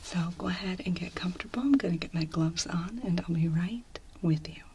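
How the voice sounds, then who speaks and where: A woman in a whispered role-play, speaking as a gentle clinic examiner in a soft, reassuring, step-by-step manner. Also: on the low side, fairly quick, slight background noise. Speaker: ASMR performer playing a clinician.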